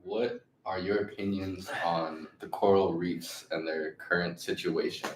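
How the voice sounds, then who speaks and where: A man's voice: low voice, steady tone, a little slow. A man chatting casually in short, laid-back replies as a contestant in a food challenge. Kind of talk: casual chat. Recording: distant mic, echoey noisy room.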